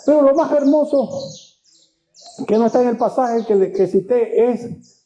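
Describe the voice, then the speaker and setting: A man preaches a sermon, retelling scripture with drama and pressing his congregation with rhetorical questions. His voice sits high yet sounds deeply dark and mellow. The recording is dull and lo-fi. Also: moderate pace. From Venezuela. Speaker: pastor.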